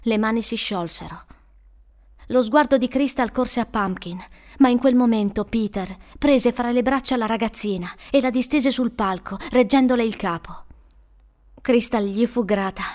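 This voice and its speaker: A woman narrates a novel in a calm, measured way, with a fairly high voice. She reads clearly and steadily, keeping the story moving. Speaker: audiobook narrator. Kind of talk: scripted narration.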